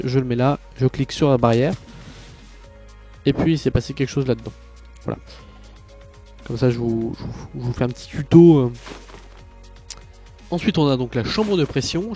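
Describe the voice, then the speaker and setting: A man's voice: mid-range voice, a little fast, pauses often, warm tone, faint music behind. A tired man narrating a game tutorial in a casual, rambling way, full of hesitations and asides. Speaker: Minecraft tutorial youtuber.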